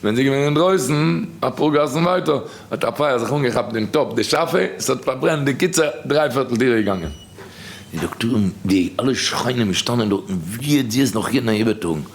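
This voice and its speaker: A man with a Yiddish accent giving a sermon, telling stories quickly and quoting people. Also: mid-range voice, animated. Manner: rapid storytelling, quoting others. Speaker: rabbi giving a talk.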